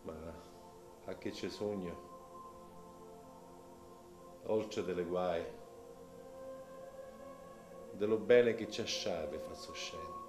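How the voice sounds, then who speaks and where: A man with a Sicilian accent recites dialect poetry in a deep voice. His delivery is very unhurried and theatrical, moving between hushed and forceful volume. Music plays clearly behind him. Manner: theatrical, swinging from hushed to loud.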